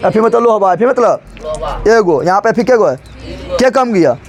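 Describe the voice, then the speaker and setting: A man's voice: sits high, animated, a little fast. A male teacher teaching a chemistry lesson playfully, often asking a question and answering it himself.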